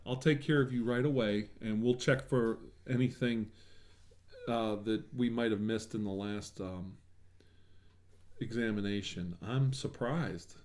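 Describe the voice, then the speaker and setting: This ASMR medical roleplay features a man taking the examiner's role, his voice lowish, dark, and deeply mellow. Speaking a little slowly, he stays relaxed, reassuring, and attentive toward the patient.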